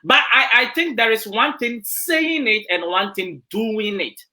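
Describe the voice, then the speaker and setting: A talk show host interviewing a guest, expressive and repeating words for emphasis. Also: medium pitch, unhurried, faint music behind. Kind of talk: online talk show hosting.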